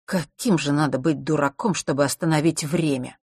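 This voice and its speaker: A woman's voice: sits low, moderate pace, darkish tone, husky, dry recording, studio quality. A woman voicing an arrogant teenage boy who talks down to others and makes threats. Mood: scornful. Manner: condescending, threatening.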